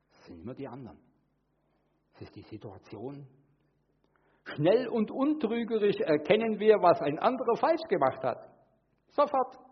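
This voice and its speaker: Earnest male preacher, slightly high voice, swings from hushed to emphatic. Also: husky, muffled recording. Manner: acts out quoted voices with sudden high pitch. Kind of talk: sermon.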